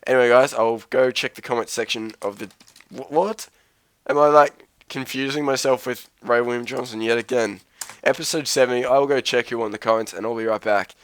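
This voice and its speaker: A man's voice: mid-range voice, steady tone, brisk. A man with a sick voice giving casual, rambling commentary over his gameplay, swearing and poking fun at himself. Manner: rambling, profane, self-mocking. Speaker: Let's Play host.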